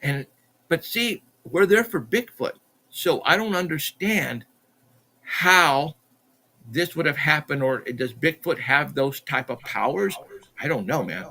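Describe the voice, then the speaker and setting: Excitable man telling a wild story. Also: fairly high pitch, slow. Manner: excitable, repeats himself, acts out dialogue. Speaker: podcast guest, Bigfoot researcher. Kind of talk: animated storytelling.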